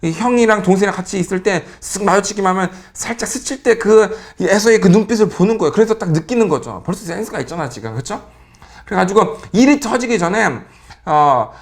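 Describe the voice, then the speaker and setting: A man teaching about a Bible character in a joking, lively way, full of rhetorical questions. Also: sits high, brisk. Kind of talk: humorous Bible character talk.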